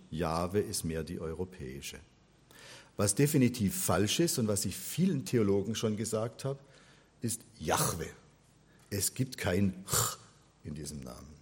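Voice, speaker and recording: A man's voice: sits low, lively intonation, unhurried, darkish tone, husky. A man giving an explanatory religion lecture, patiently spelling things out step by step. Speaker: religion teacher.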